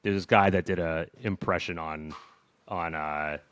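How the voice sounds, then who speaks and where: A man's voice: low-pitched, fairly even intonation, unhurried, fairly bright tone, clean tone, no room sound. A man co-hosting a podcast in loose, chatty talk, laughing often and leaning on "like" fillers. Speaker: podcast co-host. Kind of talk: casual tech chat.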